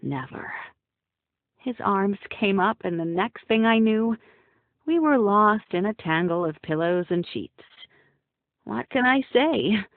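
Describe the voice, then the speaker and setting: A woman's voice: mid-range voice, animated, takes it slowly, no echo. A young woman narrating an audiobook in the first person, wry and playful. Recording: dry, phone-like narrow sound.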